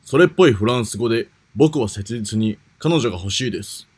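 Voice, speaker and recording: A man's voice: medium pitch, animated, brisk, very noisy. A man reading scripted announcements as a contest announcer.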